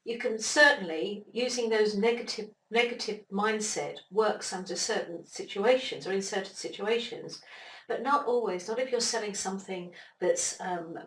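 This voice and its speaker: A woman explaining ideas as an interview guest, animated and acting out little inner voices as she talks. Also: medium pitch. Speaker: interview guest, brain expert. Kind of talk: conversational interview. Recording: roomy, distant mic, faint noise.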